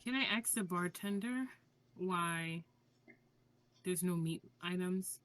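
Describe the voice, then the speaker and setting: A woman playing a tabletop game, talking softly and casually. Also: lowish voice, takes it slowly. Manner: soft-spoken, casual. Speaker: player.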